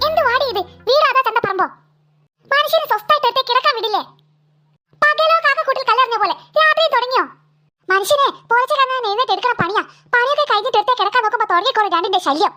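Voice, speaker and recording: A woman's voice: extremely high pitch, animated, very fast, sharp tone, faint music behind, heavily acted. A woman voicing a tired, scolding mother of two girls in a cartoon. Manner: nagging, exasperated scolding.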